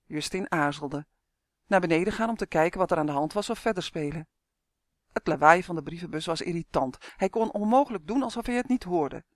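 Calm storybook narrator, dry recording. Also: medium pitch, dry recording. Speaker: audiobook reader. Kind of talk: scripted narration.

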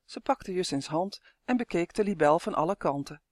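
A reader narrating a children's storybook calmly and evenly. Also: medium pitch, moderate pace, no room sound, clean studio sound. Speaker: audiobook reader.

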